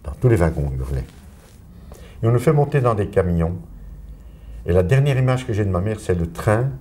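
A man's voice: lowish voice, sing-song, a little fast, mellow, slight background noise. A man in his eighties with a Belgian French accent, giving his testimony as a survivor and telling it vividly to young listeners. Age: 80s. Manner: vivid storytelling, acting out quoted voices. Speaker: Holocaust survivor witness.

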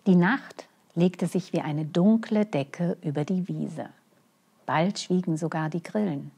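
Slow, husky woman reading a bedtime story. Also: fairly low pitch, dark tone.

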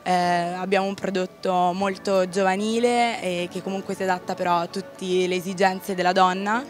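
A woman's voice: on the low side, little pitch movement, normal speed, faint music behind. A young woman giving promotional interview answers as a brand representative. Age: young adult. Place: outdoor café street at night. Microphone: handheld interview microphone.

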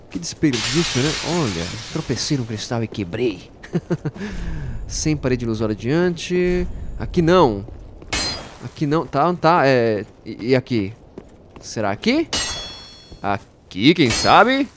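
A man giving playful, jokey let's-play commentary, talking to his viewers and bursting out excitedly during fights. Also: medium pitch, slight background noise. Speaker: gaming YouTuber.

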